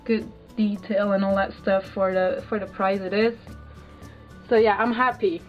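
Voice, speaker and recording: A woman's voice: mid-range voice, steady tone, normal speed, faint music behind. Dutch-accented woman, muffled camera sound. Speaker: vlogger. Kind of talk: casual chat, showing a haul. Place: small bedroom, indoors. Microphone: handheld camera's built-in mic.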